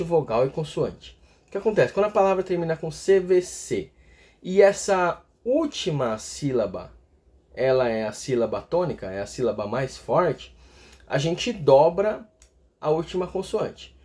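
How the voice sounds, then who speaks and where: Speaking in a fairly high, slightly mellow voice, a man teaches English grammar in a video lesson. He goes step by step, often checking in with his viewers and closing phrases with "tá?".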